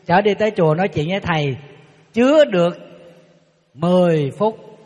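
A man, a Buddhist monk giving a lively sermon to an audience, telling stories and teasing listeners. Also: high-pitched, normal speed. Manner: lively storytelling, acts out quotes, teasing the audience. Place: large hall with an audience. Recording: lo-fi live hall recording with long reverb.

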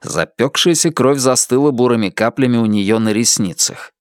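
A man narrating a dark thriller audiobook in a tense, vivid way. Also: medium pitch, moderate pace, dry recording, studio quality. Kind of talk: dramatic audiobook reading.

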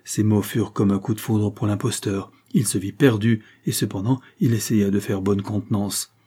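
A man reading a novel aloud as audiobook narration in a measured, even storytelling manner. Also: on the low side, breathy edge. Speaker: audiobook reader.

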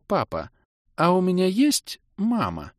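A man voicing a young girl who speaks slowly and thoughtfully with an eerie calm. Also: sits high, dry recording, clean studio sound, pitched above the performer's own voice, heavily acted. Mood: dreamy.

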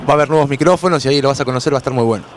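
A man's voice: mid-range voice, rapid-fire, slight background noise. A man with an Argentine accent co-hosting a casual radio chat in a studio, friendly and chatty. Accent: Argentine Spanish. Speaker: radio co-host.

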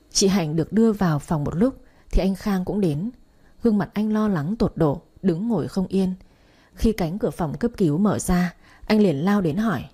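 A woman narrating a story with a steady, measured reading. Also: lowish voice, breathy edge. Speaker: audiobook narrator.

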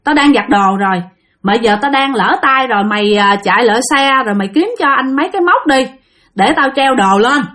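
A woman with a Southern Vietnamese accent, voicing a blunt male coworker who scolds in a rough, brusque way inside her story. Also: fairly high pitch, expressive, brisk, fairly bright tone. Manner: rough, scolding, calls people crazy. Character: gruff blunt male coworker, working man.

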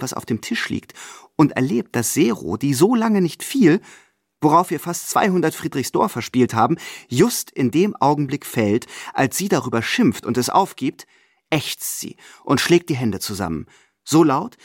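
A man narrating a novel in the first person in an expressive, scripted audiobook reading. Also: medium pitch, slightly rough, no echo, clean studio sound.

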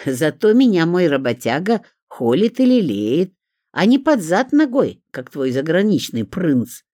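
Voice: mid-range voice, very animated, moderate pace, a little mellow, dry recording. A reader voicing a brash, mocking neighbour woman who cackles and needles in a storybook.

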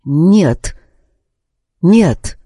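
A man's voice: fairly high pitch, lively intonation, drawn-out words, mellow, husky, no room sound, studio quality, voice pushed up, heavily acted. A man playing a hot-tempered, harsh lord. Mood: scornful. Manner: harsh, raised and accusing. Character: proud, quick-tempered aristocratic husband.

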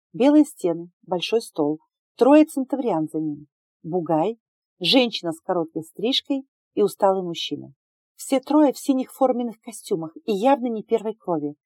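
A woman reads a first-person novel aloud with expressive, lively delivery. Her voice is mellow and warm-toned, and the recording is close and dry. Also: medium pitch, dry recording. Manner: expressive, lively character reading. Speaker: audiobook narrator. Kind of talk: first-person audiobook narration.

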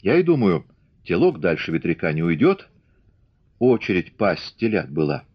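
A man's voice: deep voice, very animated, moderate pace, breathy edge, no room sound, heavily acted. A man voicing a frightened village woman in an audiobook, rambling and faltering in a folksy way. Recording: dull lo-fi audiobook recording.

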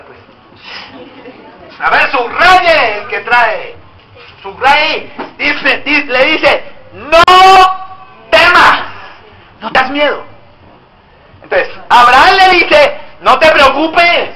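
A man's voice: very high voice, pushed and bright, low-quality recording. A male pastor preaching an emphatic sermon and prompting his congregation to answer back. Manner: emphatic, drawing call-and-response from the congregation.

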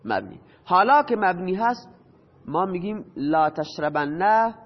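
A high-pitched man teaching a grammar lesson, putting questions to his class and answering them himself. The recording is dull and lo-fi, with a long reverb trailing his words. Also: big pitch swings. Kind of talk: explaining grammar to students.

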